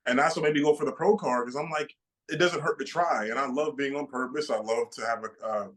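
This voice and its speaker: A man in his late twenties, a bodybuilder guest, answering interview questions in an excited way with many repeated starts. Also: mid-range voice, fairly quick, poor audio. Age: 20s.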